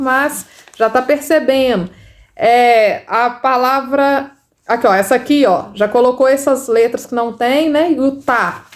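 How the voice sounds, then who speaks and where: A woman teacher with a Brazilian Portuguese accent explaining children's literacy work in a casual lesson, chatty, full of tag questions, sounding out syllables slowly. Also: high-pitched. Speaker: first-grade literacy teacher.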